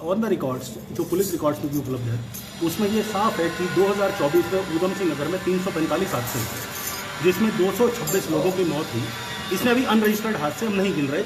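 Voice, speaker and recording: A man working as a local reporter, putting a measured, fact-filled question to a protester outdoors and slipping in English phrases. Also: fairly high pitch, rough recording. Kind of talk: reporter's question citing figures.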